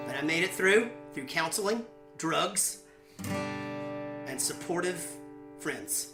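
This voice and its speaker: A man hosting his own show, chatting and telling rambling, self-mocking stories between songs with deadpan jokes. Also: fairly high pitch. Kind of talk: casual banter between songs. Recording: roomy echo with faint guitar.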